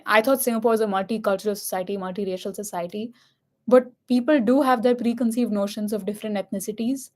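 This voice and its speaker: A woman's voice: medium pitch, a little mellow. A young woman from India with an Indian accent, telling a personal story in a casual, earnest and reflective way. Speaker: vlogger.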